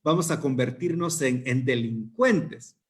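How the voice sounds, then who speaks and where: A man's voice: medium pitch, a little slow. A man preaching a youth service sermon, conversational and full of rhetorical questions.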